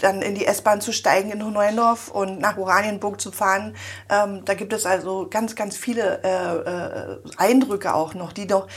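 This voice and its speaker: A woman's voice: medium pitch, steady tone, moderate pace, breathy edge. A woman in her forties from Berlin, chatting in an interview in a small office and rambling with many fillers. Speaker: guest. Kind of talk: casual interview chat.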